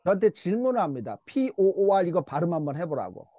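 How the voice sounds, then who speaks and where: A man's voice: high-pitched, sing-song, brisk, mellow, no echo, muffled recording. A middle-aged man teaching an English Bible class at church, patiently coaxing the class to repeat words after him. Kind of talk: church English lesson, call-and-response drills.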